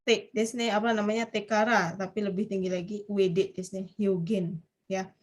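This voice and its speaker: A woman's voice: mid-range voice, little pitch movement, normal speed. A woman with an Indonesian accent teaching a Japanese grammar class online, explaining step by step and often putting questions to her students.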